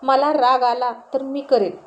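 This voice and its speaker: Woman reading as a shy sulky wife, pleading, kinda high mellow voice. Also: steady tone, measured pace, lo-fi sound. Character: shy, easily upset young wife.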